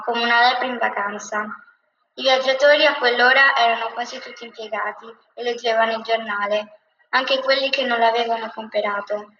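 A woman reading a children's story aloud, with an expressive, lively delivery, in a dull, echoey recording from a distance. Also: on the high side, slight background noise.

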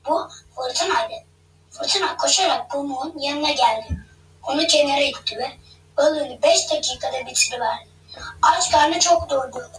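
A woman narrating a children's story in a gentle read-aloud manner. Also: sits high, moderate pace. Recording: echoey room, distant mic, faint hum.

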